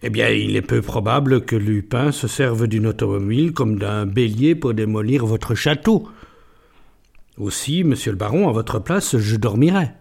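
A man playing a calm, ironic police inspector in a storybook reading. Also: fairly low pitch, moderate pace, creaky, husky, pitched below the performer's own voice. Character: calm, unflappable middle-aged male police inspector.

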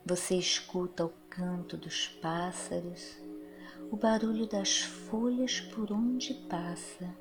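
A woman narrating a guided meditation in a soft, soothing, breathy voice that trails into a near-whisper, with long pauses. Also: lowish voice, steady tone. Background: music.

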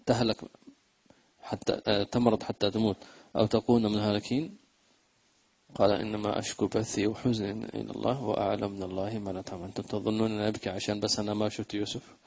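Male religious teacher, low and husky, gravelly; moves between slow chanting and quick colloquial explanation. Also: a little mellow, rough recording. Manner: chants verse slowly, then talks fast and plain to listeners. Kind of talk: religious lesson commentary.

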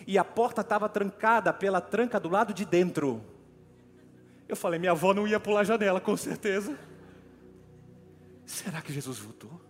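A man preaching a sermon, telling a personal story in an animated way and calling his listeners brother. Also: high voice, fairly quick, a little hiss or hum. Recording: long hall reverb with faint music.

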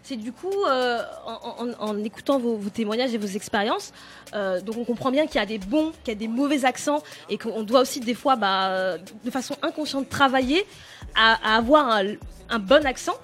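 A woman with a Paris-suburbs accent hosts a relaxed panel talk. Her voice sits a little high. She thinks aloud as she goes, pausing on many fillers, with soft music faint behind her. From France, Paris suburbs. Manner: thoughtful, halting with many fillers. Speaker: host. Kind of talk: casual panel discussion.

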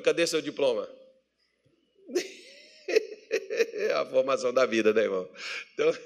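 A man with a Brazilian accent preaching a sermon in church as pastor, animated and humorous, acting out the voices of worried believers. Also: high-pitched. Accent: Brazilian Portuguese.

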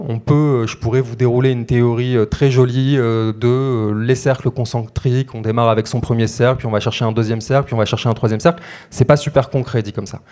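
A man's voice: medium pitch, mellow. A man coaching project creators, talking them through steps with many hesitations and rhetorical questions. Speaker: crowdfunding coach. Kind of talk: explanatory talk to creators.

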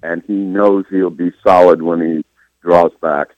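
A man's voice: sits low, fairly even intonation, unhurried, no room sound. A man calling in to a radio show, chatting casually and agreeably over a dull phone line.

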